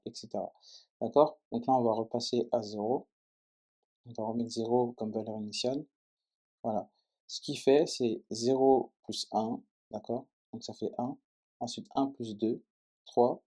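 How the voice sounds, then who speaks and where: A man's voice: medium pitch, mellow. A man teaching a coding lesson in French as he types, explaining each step and often checking in with the viewer. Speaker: programming tutor. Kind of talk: screen-recorded coding tutorial.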